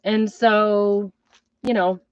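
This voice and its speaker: A middle-aged woman with a hoarse, weakened voice from a hacking cough, rambling apologetically as she hosts a casual live craft demo. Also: mid-range voice, little pitch movement, drawn-out words, a little mellow, dull audio. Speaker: craft host and crafting product seller.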